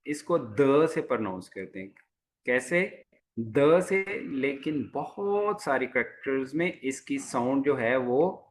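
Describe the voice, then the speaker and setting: A man's voice: a little high, a little hiss or hum. A man teaching a class, patiently repeating each sound several times. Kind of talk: lecture to a class.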